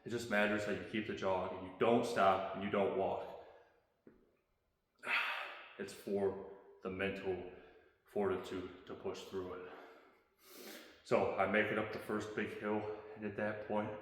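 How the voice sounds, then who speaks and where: Heavy echo, long reverb, low-leaning male voice, earnest fitness storytelling. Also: flat delivery, unhurried, long pauses, fairly bright tone. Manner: earnest, self-challenging. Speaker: fitness challenge host. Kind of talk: motivational storytelling to camera. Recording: very echoey hall with long reverb.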